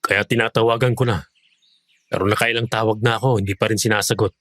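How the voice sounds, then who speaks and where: A man's voice: fairly low pitch, fairly even intonation, fast, dry recording, lightly acted. A man voicing a worried, anxious husband in an audio horror drama. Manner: anxious, pleading, shouts when upset. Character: worried husband, the maid's boss.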